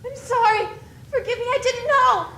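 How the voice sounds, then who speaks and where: A gentle, frightened young singer, as an actress plays her on stage, timid and pleading. Her voice is very high and comes from far back on an echoey stage, with noticeable background noise. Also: normal speed, creaky, full character voice. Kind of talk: stage play performance.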